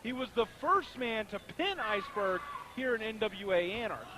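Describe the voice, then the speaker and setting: A man's voice: high voice, lively intonation, moderate pace, noisy background. A man giving conversational, emphatic color commentary on live wrestling, often restating his points. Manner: conversational, emphatic, repetitive phrasing.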